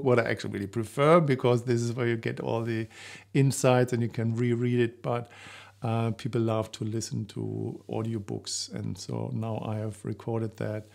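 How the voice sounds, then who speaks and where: A middle-aged presenter, coach and author gives a promotional talk to camera in an even-pitched, creaky voice. He's recording in a small living-room home studio, with a shotgun microphone positioned just out of frame.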